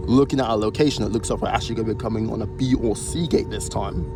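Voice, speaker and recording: A man's voice: lowish voice, quick pace, music in the background. A man giving casual travel vlog commentary while on the move. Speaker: travel vlogger. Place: on the move in plane and airport. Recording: clear background travel and engine noise.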